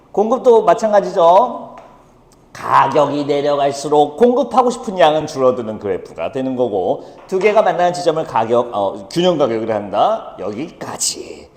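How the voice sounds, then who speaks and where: A man teaching a lively economics lesson, blunt and teasing, firing off quick rhetorical questions. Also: mid-range voice. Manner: blunt and teasing, swears at students. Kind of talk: lively lecture. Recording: echoey room with long reverb.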